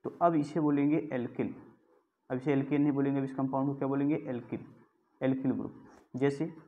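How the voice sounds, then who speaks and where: A man's voice: medium pitch, steady tone, fairly quick. Man, chemistry teacher, classroom lecture, answers his own questions, tinny phone-like sound.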